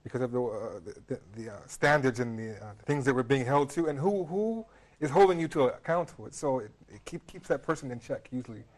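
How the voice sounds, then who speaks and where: A man from the United States talks on a studio panel. He has a plain mid-pitched voice and a casual delivery. He hesitates often and repeats words while he works out his point. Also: expressive, brisk, hardly any pauses. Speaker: studio guest. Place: television studio.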